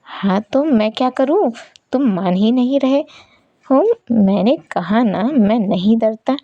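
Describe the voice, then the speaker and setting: A woman's voice: on the high side, expressive, takes it slowly, no room sound, highs cut off. A woman voicing a nervous young man who defensively insists he is not afraid, in a read-aloud story.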